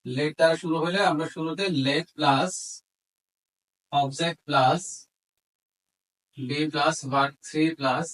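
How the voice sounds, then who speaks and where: Speaking very slowly and pausing often, this man has a slightly bright, highish voice with a steady tone. He's a Bangladeshi-accented teacher dictating English grammar examples word by word amid Bengali explanation, captured on a rough recording.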